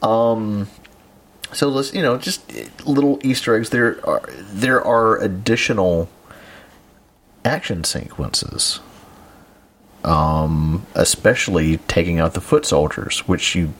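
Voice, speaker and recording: Deep-voiced man, relaxed podcast chat. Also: slow. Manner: relaxed, rambling, chuckles often. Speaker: podcast co-host. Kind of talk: casual chat about comics.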